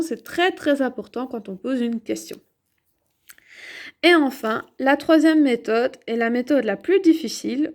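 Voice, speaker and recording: High-voiced woman teaching French grammar. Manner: slow, clear, repetitive explanation with questions to herself. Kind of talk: grammar lesson at a whiteboard.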